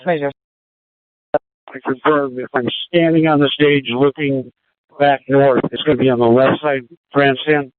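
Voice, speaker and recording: Flat-voiced man over a tinny radio. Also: medium pitch, measured pace, pauses often. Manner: calm, procedural radio talk. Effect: heard over a two-way radio. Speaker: air command radio dispatcher. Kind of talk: radio dispatch traffic. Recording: tinny dry radio transmission.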